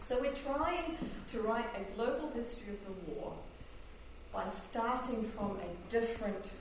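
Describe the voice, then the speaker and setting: A historian raised in New Zealand but from the Netherlands gives a hesitant talk about her book, full of fillers and restarts. Her medium-pitched, slightly mellow voice is heard from a distant mic in a very echoey hall, with faint hiss.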